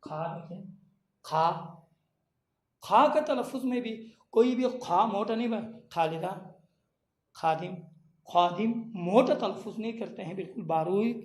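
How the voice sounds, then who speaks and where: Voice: medium pitch, darkish tone. Tajweed teacher demonstrating letter sounds, echoey. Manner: repeats and contrasts letter sounds slowly, demonstrating each one. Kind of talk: recorded lecture on pronunciation. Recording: echoey room.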